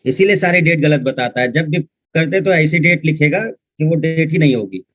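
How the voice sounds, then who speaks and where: A male history teacher with a fairly high, slightly bright voice gives an online lecture at a moderate pace and with lively intonation. He talks informally and scolds his students while explaining. The sound is dull, dry and muffled, with no echo.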